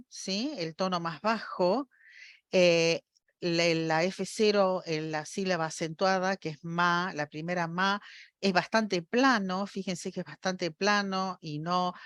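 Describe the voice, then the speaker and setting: A woman gives an academic lecture in a steady, explanatory way. She often pauses to check that her listeners follow. Her voice sounds close and dry, with no room echo. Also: medium pitch. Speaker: university lecturer.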